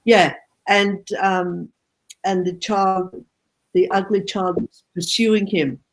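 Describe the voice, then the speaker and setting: A woman co-hosting a casual group discussion over a video call, often pausing to search for words and readily agreeing with the others. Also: mid-range voice, steady tone, poor audio. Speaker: co-host.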